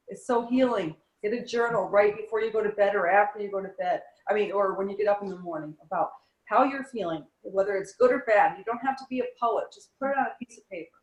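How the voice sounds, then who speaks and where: An eager woman sharing everyday wellness advice as a yoga and fitness instructor. She talks in a lively, encouraging way and leans hard on the words she wants to stress. Her voice sits at an ordinary pitch and rings a little in a roomy space. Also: a little fast. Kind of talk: casual advice interview. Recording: roomy echo.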